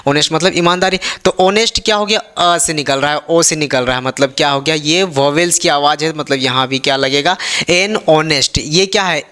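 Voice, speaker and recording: Here a man gives a classroom-type Hindi grammar lesson, quizzing the students with rhetorical questions again and again as he explains. He has a fairly high, sharp, smooth voice and keeps a moderate pace.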